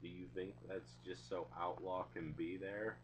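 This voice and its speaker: A man's voice: low-pitched, level tone, a little slow. A young man chatting casually and slangily to camera in a rambling, laid-back way, recorded on a webcam mic in a small room at home. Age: young adult. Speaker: video blogger reviewing products. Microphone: webcam or laptop mic at arm's length. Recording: dull webcam sound with hum.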